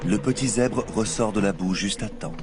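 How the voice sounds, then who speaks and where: A man narrates a nature documentary in a fairly low voice. His delivery is measured and expository, telling a story as he explains. Music plays clearly behind him.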